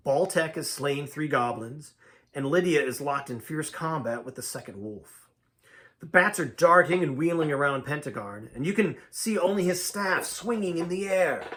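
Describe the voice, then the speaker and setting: A man reading an adventure book aloud, fairly high in pitch. His delivery is dramatic and varies in pace and loudness. His pitch rises and falls a great deal. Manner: dramatic, shifting pace and volume. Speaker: reader of a choose-your-own-adventure book. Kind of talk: animated storybook read-aloud.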